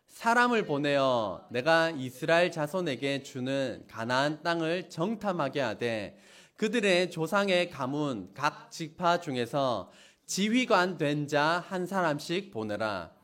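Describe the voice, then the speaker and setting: Middle-aged male pastor, high expressive voice, preaching with theatrical outbursts. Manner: dramatic, acts out wailing crowds in loud outbursts. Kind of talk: sermon.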